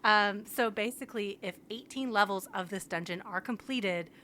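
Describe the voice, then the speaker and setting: A woman's voice: medium pitch, normal speed, bright, forceful tone, a little hiss or hum. A young woman co-hosting a podcast, animatedly retelling a book plot in casual chat, sprinkling in "like" constantly. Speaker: podcast co-host.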